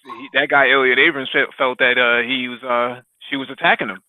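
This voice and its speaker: A man co-hosts a casual political podcast, speaking fairly quickly at a medium pitch with little variation in tone. He rambles through plenty of fillers and slips into crude jokes and swearing. The audio is dry, with no room sound, and has the tinny quality of a phone line.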